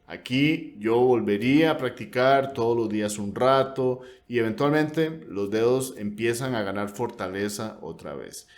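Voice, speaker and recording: A man's voice: mid-range voice, measured pace, few pauses. A man gives a classical guitar lesson, patiently explaining and counting beats aloud as he demonstrates. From Costa Rica. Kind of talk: instructional lesson. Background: classical guitar strumming.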